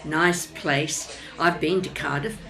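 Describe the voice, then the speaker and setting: A woman's voice: deep voice, fairly even intonation, slow, low-quality recording. Chatty, inquisitive older woman. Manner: chatty, warm-hearted, inquisitive. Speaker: narrator and lead character. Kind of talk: audio drama acting.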